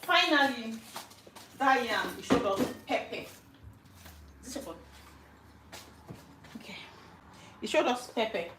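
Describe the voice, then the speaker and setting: Unhurried and leaving long pauses, a Nigerian cooking streamer greets her live viewers by name and chats casually from her home kitchen. Her voice is a little high and a bit bright with lively intonation, heard over slight background noise and kitchen echo.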